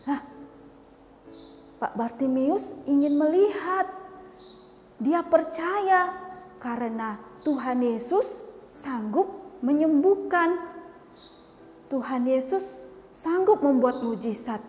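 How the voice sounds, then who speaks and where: A woman teaching Sunday school, telling a Bible story to children in a lively way and asking them questions. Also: high-pitched. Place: church hall. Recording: echoey church hall, faint music.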